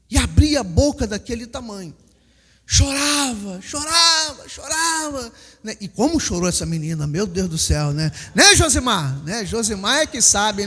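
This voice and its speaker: A man with a Brazilian Portuguese accent, a pastor preaching a sermon and telling lively stories to his congregation. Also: extremely high pitch, unhurried. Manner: storytelling, animated, acts out quotes, laughs with congregation. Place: church hall. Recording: long hall reverb.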